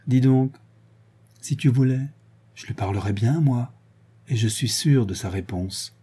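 Sly, playful young woman for an audiobook, read by a man, warm and husky, teasing throughout. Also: unhurried. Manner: lively, teasing, higher voice.

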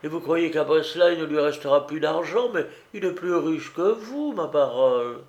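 A man's voice: fairly high pitch, normal speed, darkish tone, dull audio, voice pushed up, lightly acted. A man reading aloud, voicing a sly, persuasive woman housekeeper who coaxes her mistress. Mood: wheedling. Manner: wheedling, persuasive.

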